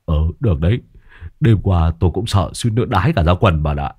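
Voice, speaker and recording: A man's voice: deep voice, animated, fairly quick, a little mellow, breathy edge. A man voicing a cowardly young addict who stammers and whimpers as he pleads. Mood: nervous.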